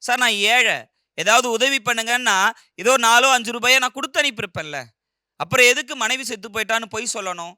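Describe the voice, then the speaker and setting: Casting: man voicing a stern, scolding husband, high and bright, crisp and dry. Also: fast, no echo, exaggerated voice. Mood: lecturing. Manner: scolding, insistent. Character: stern middle-aged husband, suspicious and lecturing.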